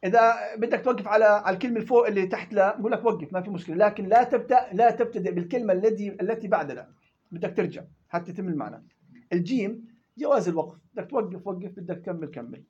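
A man teaching tajweed rules in a classroom lesson, explaining quickly and chanting verse examples in between. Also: high voice, a little mellow, breathy edge, lo-fi sound. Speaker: Quran recitation teacher.

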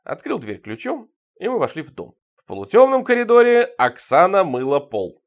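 A man's voice: sits high, wildly swooping pitch, moderate pace. Man reading an absurd story wryly. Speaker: reader. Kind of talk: dramatic audiobook reading.

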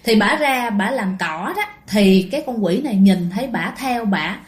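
A woman's voice: medium pitch, animated, moderate pace, close to an everyday voice. A woman voicing a frightened demon possessing a woman, with sulky, stubborn refusals. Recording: echoey room.

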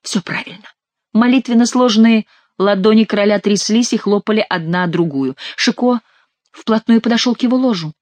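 A woman narrating an audiobook in calm storytelling. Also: mid-range voice, fairly quick, no echo. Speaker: audiobook reader. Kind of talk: scripted narration.

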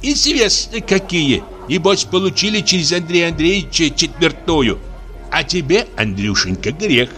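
A man doing a shrill scolding old matron. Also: expressive, a little slow, pushed and bright, faint music behind. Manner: shrill and reproachful. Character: coarse scolding old mother of the bride.

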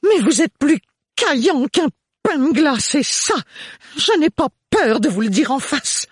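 A man's voice: big pitch swings, a little slow, breathy edge, no echo, clean studio sound, exaggerated voice. A man voicing an explosive, indignant middle-aged mother in a storybook audiobook. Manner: shrill, outraged outbursts.

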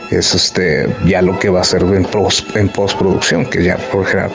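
A man with a Mexican accent explaining things informally and haltingly, searching for his words. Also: low-pitched, vocal fry. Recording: loud music behind the voice.

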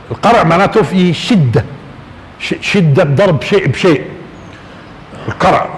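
High-voiced man lecturing in an echoing hall. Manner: asks the audience rhetorical questions and chuckles often. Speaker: religious lecturer. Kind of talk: religious lecture to a live audience. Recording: reverberant hall with faint noise.

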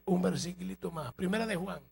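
A man preaching a sermon as a pastor, emphatic, his loudness rising and falling. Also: high voice, fairly quick, gravelly, faint music behind. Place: church hall.

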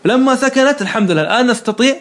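A man with a very high, slightly bright voice talks rapid-fire while teaching Arabic morphology one-on-one. In a question-and-answer format, he patiently quizzes his student and praises the answers.

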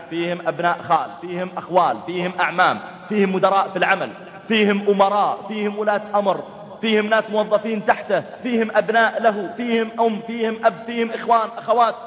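A man preaching a sermon, telling lively stories, acting out family dialogues and chanting verses. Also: sits high. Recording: dull, reverberant hall recording.

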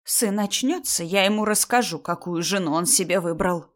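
A woman reading a story aloud and voicing a spiteful, suspicious older mother-in-law who talks in a shrill, accusing way. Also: normal speed, lightly acted. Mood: furious.

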